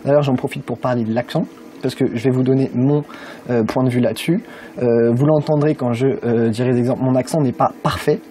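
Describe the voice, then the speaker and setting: A man's voice: medium pitch, fairly even intonation, brisk, warm tone, slight background noise. A young man from France giving a casual motivational talk to camera about learning English, informal and full of hesitations. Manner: informal, many "euh" fillers, speaks directly to viewer.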